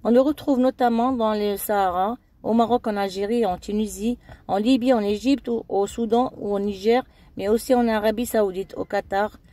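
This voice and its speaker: A woman's voice: mid-range voice, steady tone, normal speed, few pauses, warm tone. A woman narrating a scripted documentary-style video, reading steadily with occasional slips.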